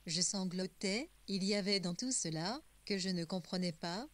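A woman's voice: on the low side, normal speed, fairly bright tone. Woman narrating a novel aloud. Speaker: audiobook narrator. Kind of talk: first-person literary narration.

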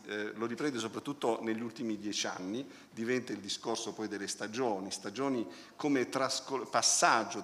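A man's voice: lowish voice, a bit bright. A man presenting a poetry book as a critic, talking through the poems analytically and hesitantly as he searches for words. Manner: analytical, close reading of sound patterns. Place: lecture hall. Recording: long reverb of a hall.

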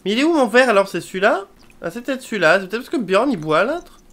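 A woman's voice: medium pitch, big pitch swings, fast. Chatty woman commenting her gameplay. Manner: chatty, swears and drops English exclamations. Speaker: video game let's player.

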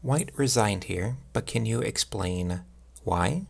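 A man giving measured, instructional chess commentary, explaining moves and ideas as on a podcast. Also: on the low side, lively intonation, vocal fry.

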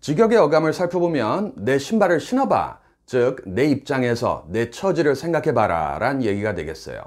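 A middle-aged man who teaches English, explaining phrases clearly and with emphasis in a scripted lesson. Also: medium pitch, sing-song, normal speed, a little mellow.

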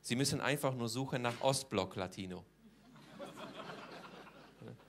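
A man's voice: medium pitch, measured pace, background noise, close to an everyday voice. A man doing stand-up as a cheeky, boastful Polish man with a Polish accent, speaking broken German and tagging almost every line with a question. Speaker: comedian in character. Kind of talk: stand-up comedy.

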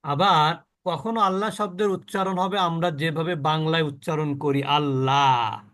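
Man, Quran pronunciation teacher, higher voice, unhurried, explaining, drawn-out model words. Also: fairly bright tone. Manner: slow, explaining, asks questions of the class.

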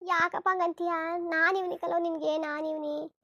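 Woman doing a very high, flat, fast doting cartoon mother, fretful and protective, dry sound. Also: dry recording, dull audio, full character voice. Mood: lamenting. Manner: fretful, lamenting, indignant. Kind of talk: cartoon voice acting.

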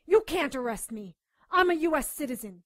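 Studio-clean with no room sound, a woman's high, fairly bright voice moves at a moderate pace with lively intonation. Acting in a radio drama, she portrays a defiant, outspoken doctor and narrates her own supernatural case in first person.

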